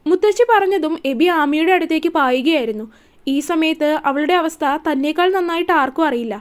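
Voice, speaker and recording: A woman narrating a serialized romance story in a steady, even storytelling manner. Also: high voice.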